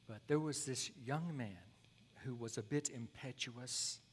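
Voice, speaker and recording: A man's voice: medium pitch, a little slow, breathy edge. A male pastor telling a story in a sermon, folksy and conversational with asides. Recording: long hall reverb.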